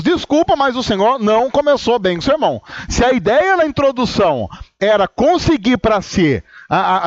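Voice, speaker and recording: A man's voice: very high-pitched, dry recording, muffled recording. A man from Brazil, a pastor giving a humorous, conversational sermon and acting out his own inner dialogue.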